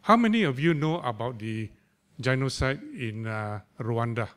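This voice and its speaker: A man's voice: mid-range voice, animated, moderate pace, fairly bright tone, clean tone. Older man introducing a church speaker, joking, stand mic in church hall. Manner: teasing, uses local slang. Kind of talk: informal introduction.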